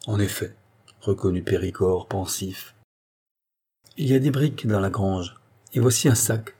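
Guy reading a story aloud, low husky voice, mellow and warm, measured. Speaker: narrator. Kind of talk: scripted audiobook narration.

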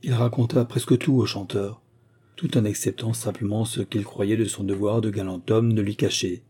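Male narrator, dark husky low voice, measured literary reading. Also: steady tone. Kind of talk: scripted audiobook narration.

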